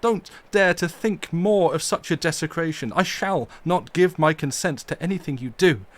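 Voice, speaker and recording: A young nobleman cries out in high, loud bursts of grief and outrage, as a male reader voices him. His speech is impassioned and exclaiming throughout. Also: moderate pace, lightly acted. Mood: outraged. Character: young grieving nobleman, passionate and anguished.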